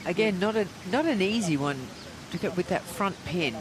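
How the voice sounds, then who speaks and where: A man's voice: high voice, expressive, normal speed. A man giving live golf commentary and analysis of the play. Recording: outdoor broadcast with clear background noise.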